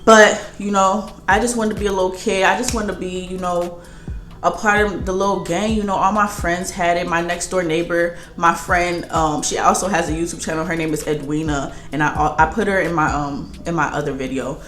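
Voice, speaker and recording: A young woman vlogger telling a casual storytime, animated and slangy, often laughing. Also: fairly low pitch, normal speed. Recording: roomy echo with faint music.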